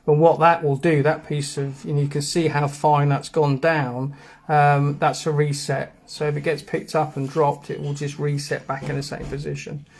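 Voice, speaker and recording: A man's voice: on the high side, little pitch movement, moderate pace, gravelly, a little mellow. A man with a Geordie accent hosting a live stream, rambling casually as he explains things step by step. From England. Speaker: host. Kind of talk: live stream demo and chat.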